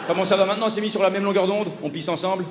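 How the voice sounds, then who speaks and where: A man's voice: sits high, fairly even intonation, racing. A Belgian man in his thirties doing a stand-up comedy set, brash and mocking, acting out dialogue in funny voices. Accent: Belgian French. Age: 30s. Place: theatre stage before a live audience. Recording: roomy live hall with audience noise.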